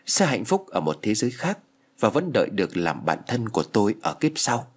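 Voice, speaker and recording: A man narrating a horror story in an expressive, dramatic storytelling style. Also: medium pitch, husky. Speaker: audiobook narrator.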